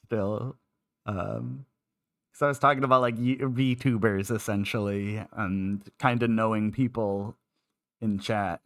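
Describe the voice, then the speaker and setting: A man's voice: fairly low pitch, fairly even intonation, slow pace, pauses often, no room sound. A man streaming live, chatting casually while feeling sick, rambling with lots of filler words. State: unwell and queasy.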